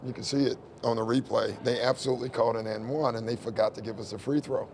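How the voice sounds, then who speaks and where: A male head coach at a postgame press conference, speaking at a middling pitch with a gravelly edge. His delivery is candid and conversational, loose and full of "you know" and "listen" as he works through his answers. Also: steady tone, quick pace, a little mellow.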